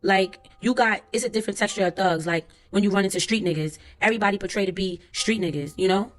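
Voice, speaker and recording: A woman reading aloud a court transcript as the words of a young male witness, in a plain, unhurried voice full of street slang, with faint music behind her. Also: mid-range voice, natural voice.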